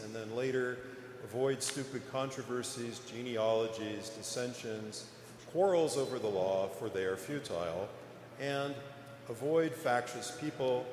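A man preaching an informal, explanatory sermon in a conversational, hesitant manner with frequent pauses, his voice echoing through the church. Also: mid-range voice. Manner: conversational, hesitant, pausing often. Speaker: preacher giving a parish sermon. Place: large echoing church interior. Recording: echoey reverberant church, noticeable background noise.

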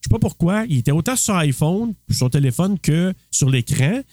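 A man with a Québécois accent co-hosting a casual podcast chat, telling animated stories and acting out the scenes. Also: on the high side, normal speed, dry recording, clean studio sound. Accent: Québécois French. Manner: animated storyteller, acts out scenes. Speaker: podcast co-host.

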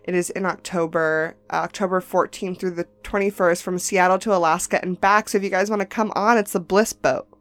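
A woman comedian from the United States co-hosting a podcast, telling stories in a casual, animated way and acting out the people she quotes. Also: fairly low pitch, fairly quick, hardly any pauses. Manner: animated storyteller, acts out quotes. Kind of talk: casual chat.

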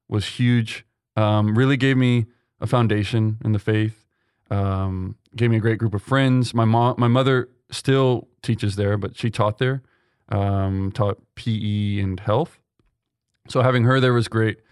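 A young man from Texas talks about his path into the seminary in an earnest, halting way, full of ums and restarts. His voice sits fairly low. The sound is dry and close, with no room around it. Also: clean tone, no room sound. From Texas, USA. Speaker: seminarian guest. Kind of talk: conversational interview.

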